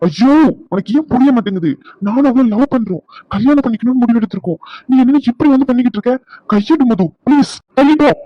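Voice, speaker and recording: A man's voice: sits high, fast, no room sound, muffled recording, close to an everyday voice. A man voicing a young husband in a cartoon drama, coaxing and pleading with his wife. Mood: frustrated.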